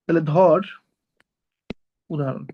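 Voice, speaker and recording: A man's voice: a little high, slow, highs cut off, slight background noise. A male teacher giving an informal classroom lecture, explaining step by step and often checking that students follow.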